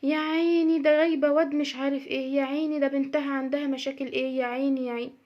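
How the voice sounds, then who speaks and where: A woman's voice: sits high, little pitch movement, rapid-fire, muffled recording, close to an everyday voice. A woman with an Egyptian accent voicing a nosy, gossiping woman who fusses with fake pity and whines repetitively. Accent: Egyptian Arabic. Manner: whiny, fussing, repetitive.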